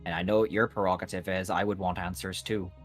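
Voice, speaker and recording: A man playing a weary, guarded agent in a tabletop game, speaking in a grave, measured, cautioning way. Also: low-pitched, level tone, faint music behind. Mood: firm, cautioning. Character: weary, guarded male agent warning adventurers off.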